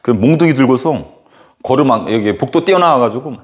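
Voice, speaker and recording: A male history teacher breaks from the lesson to tell a casual story in a mid-range voice. His pitch swings widely as he talks. The telling is animated and packed with fillers. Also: a little fast. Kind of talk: casual anecdote during a lecture.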